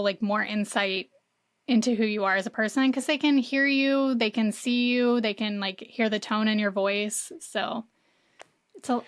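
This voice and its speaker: A woman's voice: medium pitch, a bit bright, dry recording. A woman guest on a podcast, explaining marketing casually with many "like" fillers. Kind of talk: conversational interview.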